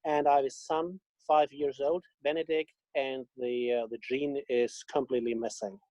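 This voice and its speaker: A man's voice: mid-range voice, little pitch movement, moderate pace, warm tone, no echo, lo-fi sound. A man from Germany introducing himself on a video call, terse and matter-of-fact. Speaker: parent on a call. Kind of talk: casual introduction.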